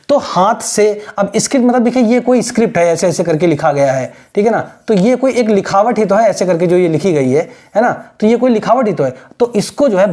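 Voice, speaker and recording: Patient male teacher, mellow voice. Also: sits high. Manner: slow, patient word-by-word explaining, mixing in English. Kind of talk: explaining a textbook lesson.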